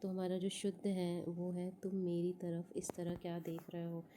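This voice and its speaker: Low, even-toned woman teaching. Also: moderate pace, a little hiss or hum. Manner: methodical, repeats answers, thinks aloud with fillers. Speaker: exam prep teacher. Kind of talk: going over test answers.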